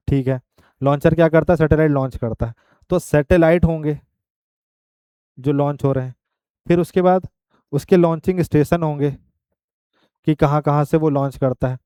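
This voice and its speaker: A male teacher gives an exam-prep lecture. He moves step by step through the material and keeps checking in with the class. His voice sits fairly high, with a mellow, smooth tone, recorded close and dry. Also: dry recording. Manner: explains step by step, with frequent "ठीक है" checks.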